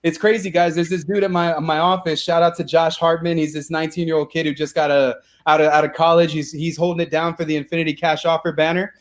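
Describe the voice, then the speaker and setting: A young man, a real estate investor, talking in an energetic, slangy way as an interview guest. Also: fairly high pitch, quick pace, few pauses. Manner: energetic, slangy, says bro and dude a lot. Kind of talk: casual interview talk.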